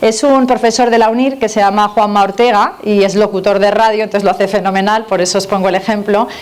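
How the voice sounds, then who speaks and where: A woman's voice: medium pitch, quick pace. Spanish lady teaching a public speaking class, chatty, keeps asking the crowd "mm?". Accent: Spanish from Spain. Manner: lively, conversational, addresses audience directly with tag questions. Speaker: communication trainer giving a masterclass. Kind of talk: live lecture to an audience.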